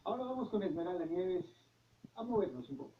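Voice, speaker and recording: A Mexican man presents a school broadcast, addressing children directly with clear instructions. His voice is high for a man, and he is heard from a distance in an echoing room. The recording sounds dull, with faint noise behind. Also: animated, fast talker, faint music behind. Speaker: educational program presenter. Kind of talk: scripted narration.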